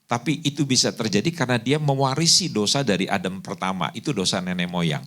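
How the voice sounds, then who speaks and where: A male pastor preaching a sermon, telling lively stories and acting out the people in them. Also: on the low side, quick pace. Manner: animated storytelling preacher, acts out quoted voices. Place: church hall.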